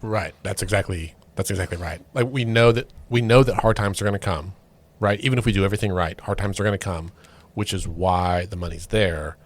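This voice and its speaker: Male podcast co-host from Oklahoma, low-pitched, easygoing talk with many fillers. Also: a little fast. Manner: conversational, many fillers and restarts. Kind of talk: casual political chat.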